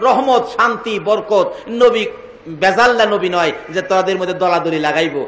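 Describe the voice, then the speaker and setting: Man, sermon preacher, sing-song, loud calls and hushed lines, bright tone, echoey loudspeaker hall. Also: high voice, moderate pace. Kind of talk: Bengali waz sermon.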